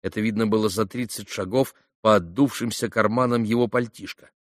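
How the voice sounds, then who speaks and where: A man narrating a classic novel in an even, measured audiobook reading. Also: fairly low pitch, dry recording, clean studio sound.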